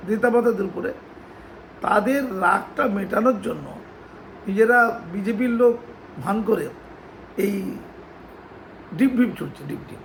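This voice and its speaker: Sarcastic high-voiced man, gravelly. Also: slight background noise, poor audio. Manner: mocking, sarcastic. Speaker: political commentator. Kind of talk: monologue commentary.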